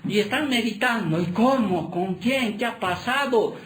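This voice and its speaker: A man's voice: high voice, expressive, unhurried, a bit bright. A man, a pastor, preaching a sermon and pressing the congregation with constant rhetorical questions. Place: church hall. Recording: echoey church hall.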